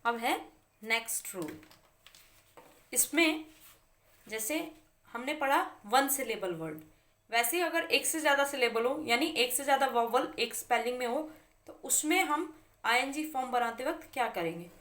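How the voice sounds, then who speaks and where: A woman's voice: a little high, animated, moderate pace, long pauses, fairly bright tone. A woman teaching English spelling rules in Hindi, stressing example words and asking and answering her own questions.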